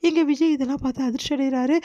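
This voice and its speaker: A woman retelling a TV serial episode in a rapid, filler-laden way, slipping into the characters' lines. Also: high-pitched, fairly even intonation, dark tone, no room sound. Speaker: serial recap narrator. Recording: slightly dull, dry recording.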